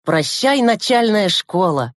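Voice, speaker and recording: A woman reading a storybook and voicing young schoolboys, whiny and excitable. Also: medium pitch, slow pace, no room sound, clean studio sound, pitched above the performer's own voice. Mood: indignant. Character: young schoolboy brothers, eager and sulky.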